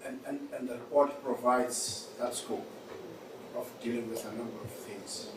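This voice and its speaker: A man's voice: medium pitch, normal speed, background noise. A man chairing a formal meeting, unscripted and hesitant, repeating phrases, recorded on an echoey, distant mic. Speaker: committee chair.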